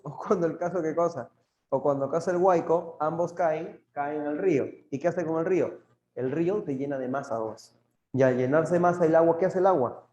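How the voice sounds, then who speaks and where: A man's voice: fairly high pitch, mellow. A young man with a Peruvian Spanish accent teaching geography live, reading viewers' questions and joking with them. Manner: jokey, laughs often, talks back to chat. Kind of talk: live online class reading chat questions. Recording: roomy, dull lo-fi stream audio.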